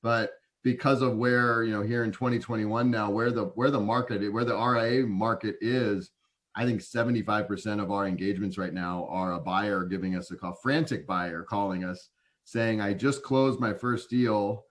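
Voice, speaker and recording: A man in his forties, a guest consultant, talking casually in an interview with frequent restarts and quick acted-out client quotes. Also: lowish voice, fairly even intonation. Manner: chatty, many restarts, acts out clients' voices. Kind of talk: conversational podcast interview.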